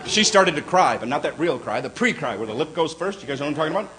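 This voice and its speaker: An older man doing a stand-up comedy routine on a club stage, telling gruff stories and putting on squeaky voices for the people in them. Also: animated, fast, pushed and bright, a faint crowd. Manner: gruff storytelling, puts on high squeaky voices for kids and wife.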